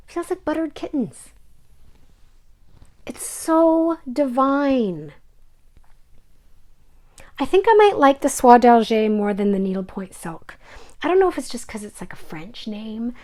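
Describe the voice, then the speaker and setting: A woman casually chatting through her cross-stitch projects at home, self-deprecating and full of fillers, sometimes dropping to a soft whisper. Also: fairly high pitch. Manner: drops to soft whispers over her silks. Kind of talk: casual show-and-tell vlog.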